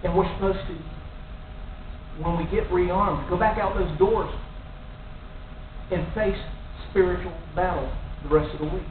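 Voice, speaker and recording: His voice sitting high, a middle-aged lay preacher speaks a little slowly and pauses often during an earnest sermon that mounts to emphatic warnings. He uses a stand mic near his mouth in a small church room before a cross, and the recording sounds tinny, echoey, and distant with a faint hiss.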